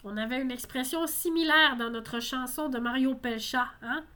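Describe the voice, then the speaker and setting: A woman's voice: high voice, moderate pace, bright, forceful tone. A woman teaching a song lesson, explaining lyrics patiently and often adding "hein". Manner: explanatory, frequent tag "hein". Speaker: French teacher.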